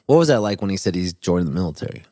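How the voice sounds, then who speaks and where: A man hosting a podcast, enthusiastic and profane, cheering his guest on and firing off quick questions. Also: sits low, sing-song, mellow, dry recording, clean studio sound. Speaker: podcast host. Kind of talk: casual podcast conversation.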